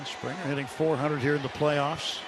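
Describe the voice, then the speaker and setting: With a flat delivery at normal speed, a man whose voice sits on the high side does radio play-by-play of baseball in terse present-tense calls as the booth announcer. Loud ballpark ambience surrounds this noisy live stadium broadcast.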